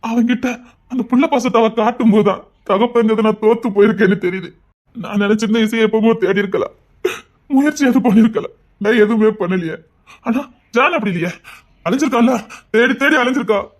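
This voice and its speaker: A man's voice: high voice, fast. An actor playing a heartbroken father in a TV serial drama. He confides in a friend in a heartfelt, pleading way. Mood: regretful. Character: heartbroken father whose daughter prefers another man.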